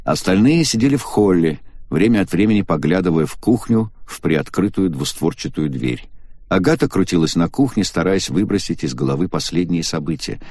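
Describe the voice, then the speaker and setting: A man narrating a novel as an audiobook in an expressive, measured way. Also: sits low, no echo, studio quality.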